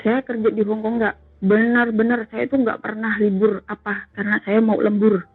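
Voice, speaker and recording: A woman's voice: mid-range voice, flat delivery, moderate pace, slightly rough, no echo. A woman calls in and earnestly tells a personal story, addressing the host as "Kak" again and again. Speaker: caller sharing a personal story. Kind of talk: emotional phone storytelling. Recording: tinny phone line.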